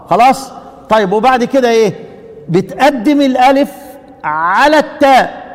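A man with an Egyptian accent teaching Quranic readings, quizzing his listeners and stretching out syllables slowly as he repeats them. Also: sits high. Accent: Egyptian Arabic. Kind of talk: classroom lesson on Quranic readings. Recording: hall reverb.

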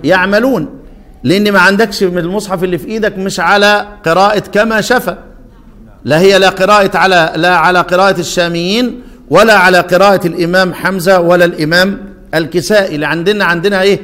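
Egyptian man, high voice, teaching Quran readings, quizzes class, chants verses slowly, long hall reverb. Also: steady tone, a bit bright. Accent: Egyptian Arabic. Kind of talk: lesson on Quran reading variants.

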